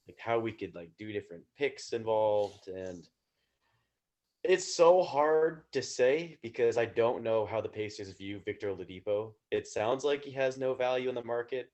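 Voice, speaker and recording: Young male co-host, low voice, hesitant and self-deprecating. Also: a little mellow. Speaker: podcast co-host. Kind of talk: casual sports podcast chat.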